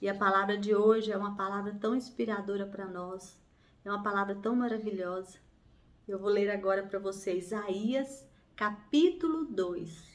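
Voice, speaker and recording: A woman leading a family prayer circle, preaching fervently with repeated exhortations and reading scripture aloud. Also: medium pitch. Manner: fervent, repetitive exhortations with hallelujahs; slow, emphatic, drawn-out phrasing. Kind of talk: devotional preaching and Bible reading.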